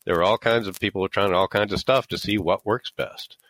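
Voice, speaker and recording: A middle-aged man giving explanatory interview answers, starting haltingly and then making his points emphatically. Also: low voice, a bit bright. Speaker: interview guest, author and former aerospace engineer.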